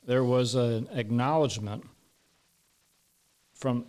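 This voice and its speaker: A man's voice: medium pitch, slow, a little mellow. A man commenting on a trial in a casual panel discussion, emphatic and repeating words for stress. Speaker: legal commentator.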